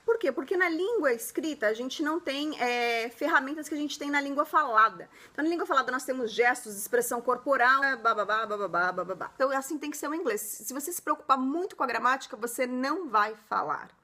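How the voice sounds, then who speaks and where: A woman teaches in a chatty, encouraging video lesson to camera. Her voice sits high and sounds bright and crisp. She keeps checking in with her audience through short tag questions. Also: fast talker, hardly any pauses. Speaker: English teacher and channel host.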